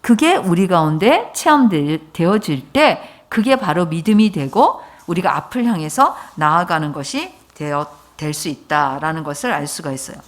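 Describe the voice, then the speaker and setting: Woman pastor preaching, lively pitch. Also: moderate pace, few pauses. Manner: personal storytelling, speaking directly to the congregation; informal, conversational speech mixed with polite forms. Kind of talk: sermon.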